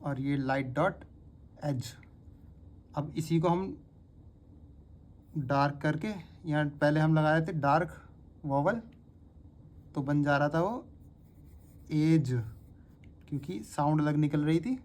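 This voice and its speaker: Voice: medium pitch, takes it slowly, pauses often, a little mellow. Patient steno teacher drilling words aloud. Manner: patient, repeats each word several times. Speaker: shorthand teacher. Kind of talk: step-by-step spoken lesson. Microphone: phone.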